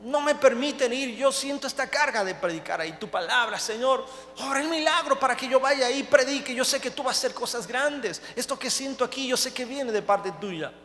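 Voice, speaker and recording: Pleading pastor at prayer, put on by a preacher; echoey room. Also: male voice, very high-pitched, brisk, fairly bright tone, voice pushed up. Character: distressed male pastor praying. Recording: echoey church hall, faint noise.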